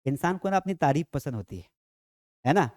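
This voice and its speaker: A man teaching a grammar lesson in a lively classroom style, asking rhetorical questions and dropping jokey asides. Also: fairly high pitch, brisk, no echo, clean studio sound. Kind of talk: classroom lecture.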